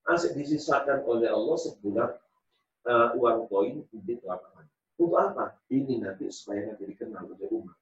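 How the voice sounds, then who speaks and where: A man's voice: mid-range voice, fairly quick. A male preacher giving a sermon, telling a story dramatically and acting out its voices. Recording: distant, roomy, dull sound.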